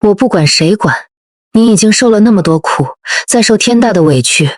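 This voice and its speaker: A woman's voice: mid-range voice, expressive, a little fast, no room sound, natural voice. A woman voicing a stern, protective older man who speaks in firm, commanding questions, in a dry recording. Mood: indignant.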